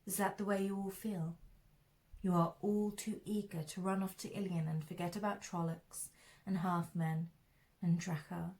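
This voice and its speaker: A woman voicing a commanding sorceress who speaks calmly, levelly and with quiet menace. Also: lowish voice, moderate pace, natural voice. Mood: cold. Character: cold, commanding female sorceress.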